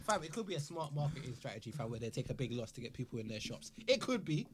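A man's voice: medium pitch, sing-song, fast, a crowd in the background. A man with a London roadman accent, pressing his point in repetitive street slang during a casual group chat. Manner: roadman slang, insistent, repeats "fam".

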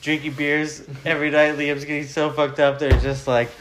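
A man's voice: fairly high pitch, monotone, normal speed. Laid-back frat-bro man hosting over noise. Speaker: podcast host. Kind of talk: casual, profane skater chat.

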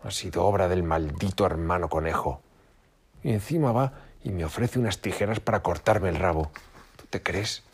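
Un hombre narrador que da voz a un zorro macho enfadado e irascible, con voz aguda y gritona. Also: male voice, normal speed, husky. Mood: angry. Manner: shouting, high-pitched, irritable. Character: cranky angry male fox, hot-tempered.

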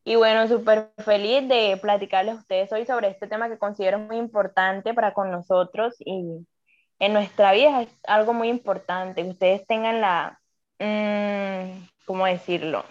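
A woman's voice: medium pitch, fairly even intonation, normal speed, darkish tone. Chatty young woman, coastal Colombian accent, muffled audio. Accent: coastal Colombian Spanish. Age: young adult. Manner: chatty, rambling, exclamatory. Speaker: podcast guest. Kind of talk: casual podcast chat.

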